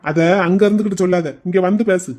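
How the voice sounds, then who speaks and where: A kindly but grumbling man from a cartoon scolds in fast, fairly high-pitched talk, as a man voices him. He sounds fussy and warm-hearted at once. It is cartoon voice acting. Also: natural voice.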